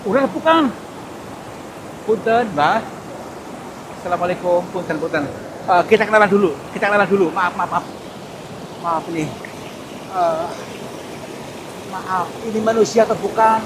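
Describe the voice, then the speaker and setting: A nervous man with a high voice gives hushed ghost-hunting commentary outdoors, with loud rumbling noise behind him. He's a mystic vlogger who speaks at normal speed but pauses often, sounding pleading and repeating words again and again.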